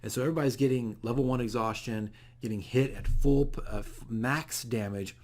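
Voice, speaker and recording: A man in a casual, unscripted video diary recaps a game session as dungeon master, rambling and correcting himself as he explains. His voice is medium-pitched and a little mellow, with fairly even intonation and a brisk delivery.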